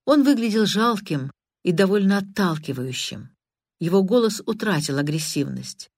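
This audiobook narrator is a woman with a medium-pitched voice reading a script in an even, measured manner. The studio sound is clean, with no room sound at all.

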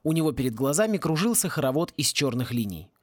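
Lively male audiobook narrator. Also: a little high, fast talker, no echo, studio quality. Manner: ironic, lively storytelling.

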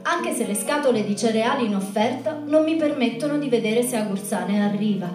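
A woman performs a spoken monologue for a live audience, telling stories in an expressive, fairly quick voice on the high side. The recording is distant and echoey, with music behind her.

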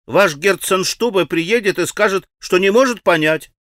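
A man voicing an impetuous, bossy teenage girl who speaks in a loud, commanding, urgent way. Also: sits high, moderate pace, no echo, studio quality, pitched above the performer's own voice.

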